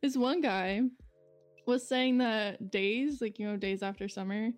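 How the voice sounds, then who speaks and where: A young woman with a Canadian accent chatting casually as a podcast co-host, rambling and filling every pause with "like". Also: mid-range voice. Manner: rambling, heavy use of "like", laughs often. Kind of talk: casual chat.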